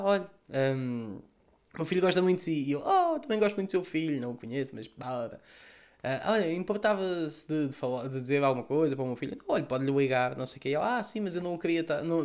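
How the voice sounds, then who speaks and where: A young man with a European Portuguese accent talks quickly, in a voice set a little high. He tells a casual vlog story in an animated, profane way, acting out what people said. He is speaking outdoors near the beach. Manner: fast, animated, profane storytelling with acted-out dialogue. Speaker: content creator.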